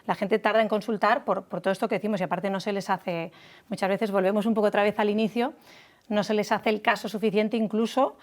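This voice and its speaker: Measured woman doctor explaining calmly. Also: mid-range voice. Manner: measured, explanatory, with hesitant restarts. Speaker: guest, doctor. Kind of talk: explanatory talk-show discussion.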